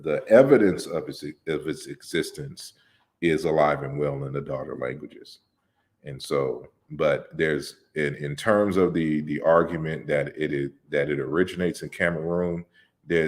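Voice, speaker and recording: Hosting a laid-back open-discussion livestream, a man with a very deep, low voice reads out viewer comments and gives long replies. His tone is easygoing and chatty, yet he explains things in a measured, lecturing way, often using fillers and restarting sentences.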